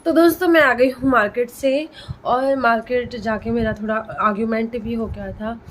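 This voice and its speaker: A woman's voice: a little high, steady tone, normal speed, a little hiss or hum, poor audio. A woman in her thirties, a vlogger and parent, talking straight to her viewers in a heated, indignant way as she tells a story. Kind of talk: casual vlog monologue.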